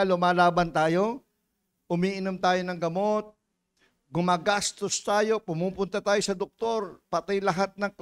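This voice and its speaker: A man's voice: high voice, smooth. A man from the Philippines preaching a sermon as a pastor, mixing Tagalog and English and firing rhetorical questions at the congregation. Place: church.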